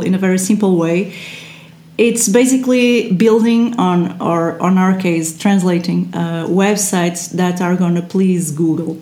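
This mid-range, somewhat mellow voice belongs to a Portuguese woman who works as an SEO translator. As a podcast guest she chats casually, often laughing and using fillers and restarts, and the recording has an echoey room sound.

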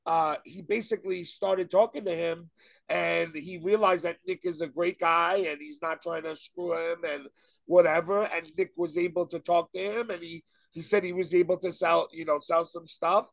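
A man's voice: on the high side, moderate pace, vocal fry, no room sound. A man co-hosting a casual podcast, telling stories in a loose, rambling way and breaking into big laughs. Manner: excitable, laughs hard, swears, loose rambling storytelling. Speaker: podcast co-host. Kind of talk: casual chat.

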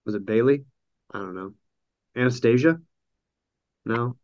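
A man's voice: mid-range voice, a little slow, darkish tone, highs cut off. A man with a nasal voice, hosting a casual podcast chat over an online call, rambling through a recap with lots of ums and dry jokes. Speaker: podcast host recapping a reality show.

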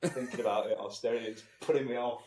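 A man's voice: mid-range voice, steady tone, racing, darkish tone, a little hiss or hum. A man with a thick West Yorkshire accent and a nasal voice, chatting casually with sweary, joking banter. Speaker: podcast co-host, band musician. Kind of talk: casual chat.

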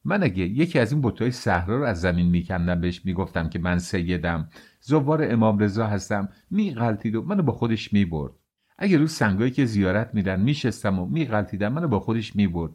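Foul-mouthed older woman pilgrim, scolding and sharp-tongued, read by a man. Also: lowish voice, animated, breathy edge. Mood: cursing.

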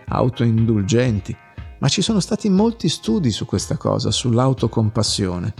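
A man speaks in a gravelly, husky voice at a middling pitch, gentle and unhurried as he leads a reflective self-help lesson. Faint soft music plays behind him. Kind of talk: calm guided talk on self-compassion.

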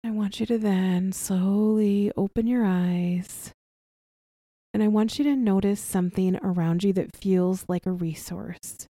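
A woman leading a guided body relaxation as an instructor, speaking softly and soothingly with long pauses between short phrases. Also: medium pitch, fairly even intonation, dry recording, clean studio sound. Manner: soft, gentle, soothing delivery with long pauses. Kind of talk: guided somatic relaxation practice.

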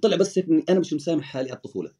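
Husky, fast-talking man. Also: on the high side, expressive, mellow. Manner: coaching, direct, addresses listener. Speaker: motivational speaker guest. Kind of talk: casual chat.

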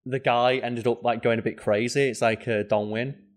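A man co-hosting a podcast in casual chat, animated and swearing, his voice jumping up when he mimics people. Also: normal speed. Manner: animated, swearing, pitch jumping up in mock quotes. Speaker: podcast co-host.

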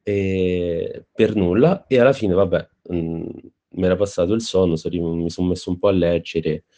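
A man's voice: deep voice, normal speed, mellow. A young man from Rome casually telling an anecdote, laid-back, swearing now and then and trailing off with fillers. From Rome, Italy.

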